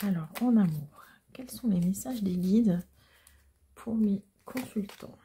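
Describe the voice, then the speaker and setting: A woman giving a casual tarot reading to viewers, explaining the cards gently and hesitantly with frequent pauses. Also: mid-range voice, slight background noise. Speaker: tarot card reader.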